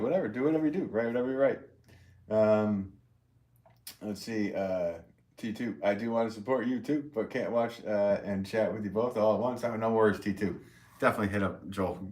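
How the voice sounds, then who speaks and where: A man's voice: lowish voice, darkish tone. An American man hosting a casual livestream as a potter, rambling and chatty as he works and reads out comments. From United States. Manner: rambling, chatty, talking to himself while working.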